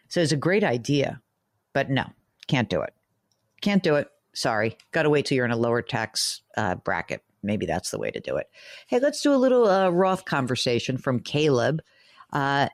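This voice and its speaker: A woman with a very deep voice hosts a call-in style radio money show, reading listener emails aloud and replying frankly and chattily. She works through the numbers out loud and tosses in joking asides. The studio sound is clean, with no room sound.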